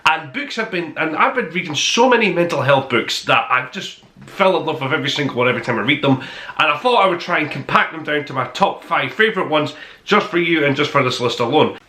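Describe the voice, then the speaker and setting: Speaking a little fast in a slightly high, animated voice with a sharp tone, this podcast host runs through a top-five review for listeners. He sounds conversational, emphatic and keen, and the recording has a roomy sound.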